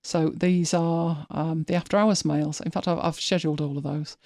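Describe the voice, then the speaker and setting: A woman's voice: low-pitched, fairly even intonation, normal speed, darkish tone, dry recording, clean studio sound. A woman hosting a live stream, chatting casually as she walks viewers through her screen, thinking aloud and often restarting her sentences. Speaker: host.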